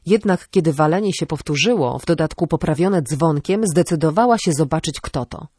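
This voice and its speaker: A woman's voice: deep voice, fairly quick, husky, no room sound. Woman reading an audiobook, dry studio sound. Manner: steady storytelling. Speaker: audiobook narrator. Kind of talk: scripted narration.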